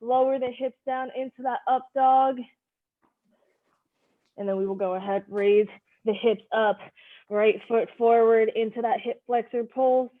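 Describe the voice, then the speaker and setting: Thin phone-line audio, woman, fairly high voice, fitness instructor, live workout class, directive short cues, counting. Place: live online video class. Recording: narrow phone-like sound.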